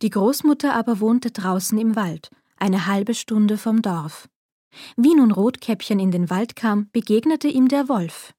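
Calm female storyteller, measured fairy-tale narration, dry read. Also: medium pitch, dry recording.

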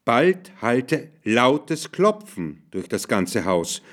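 Slow, measured male storyteller. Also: medium pitch, sing-song. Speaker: narrator. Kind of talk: storybook reading.

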